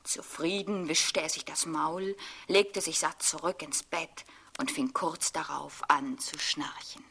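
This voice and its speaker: A woman reading a fairy tale aloud in a gentle, often whispered storytelling manner. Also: sits low, steady tone, takes it slowly, husky.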